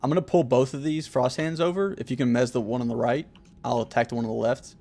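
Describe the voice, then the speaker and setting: Man, casual game stream, steady middle voice, directing teammates. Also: medium pitch, quick pace. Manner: gives plain directions to the group. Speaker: game developer leading a play session. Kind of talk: casual gameplay chat.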